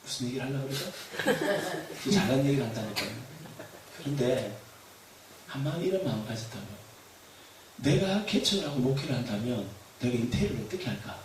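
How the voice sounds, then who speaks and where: A man preaching a sermon as pastor, animated, shouting refrains and laughing as he tells stories. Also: medium pitch, brisk, long pauses. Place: church hall. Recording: echoey hall, far from mic, faint noise.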